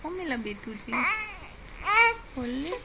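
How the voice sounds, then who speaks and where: A woman's voice: sits high, expressive, slow pace, gravelly. A mother coaxing her baby in sing-song baby talk, repeating her phrases, on a noisy home recording.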